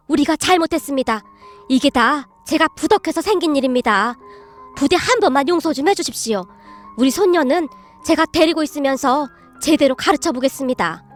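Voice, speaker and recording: A woman's voice: high voice, natural voice. Woman doing a stern old grandmother. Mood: pleading. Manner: stern, scolding, formal. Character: elderly grandmother, stern, blunt matriarch.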